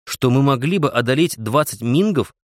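A man's voice: mid-range voice, animated, normal speed, dry recording, studio quality, lightly acted. A man voicing an earnest, modest young frontiersman who speaks seriously and politely in an audiobook.

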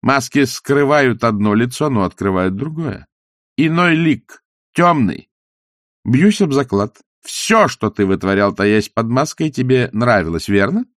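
A man's voice: mid-range voice, a little slow, no echo, studio quality, close to an everyday voice. Stern old witch, put on by a man. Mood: cold. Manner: calm, cutting, knowing.

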